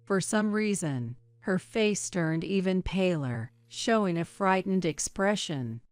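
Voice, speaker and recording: A woman narrating a story in a measured, even way. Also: fairly low pitch, no room sound.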